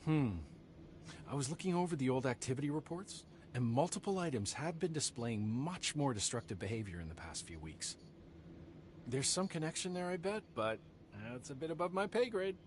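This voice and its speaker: A man's voice: fairly high pitch, expressive, normal speed, a little hiss or hum, close to an everyday voice. An actor playing a weary middle-aged male bureaucrat with a dry, resigned manner in video game dialogue.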